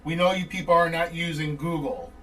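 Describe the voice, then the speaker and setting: A man's voice: a little high, fairly quick, bright, forceful tone. A man hosting a casual podcast, joking and teasing listeners as he runs a trivia giveaway. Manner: wisecracking, teasing. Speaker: podcast host.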